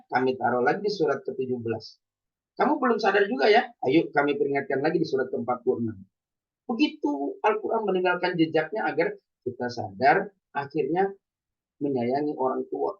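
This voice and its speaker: Man, preacher, husky voice, fairly high pitch, storytelling sermon, rhetorical questions. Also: big pitch swings, brisk. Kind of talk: conversational sermon. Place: mosque hall. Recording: distant dull lo-fi.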